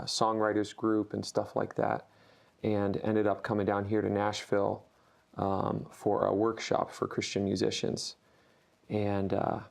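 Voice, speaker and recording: A man from rural Ohio, a guest musician talking casually in an interview, relaxed and halting with lots of fillers. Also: on the low side, creaky. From rural Ohio, USA.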